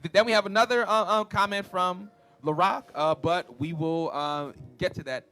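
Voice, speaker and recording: A man's voice: high-pitched, steady tone, moderate pace, sharp tone. A man hosting a casual panel talk show, reading viewer comments with many fillers and hesitations. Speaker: host.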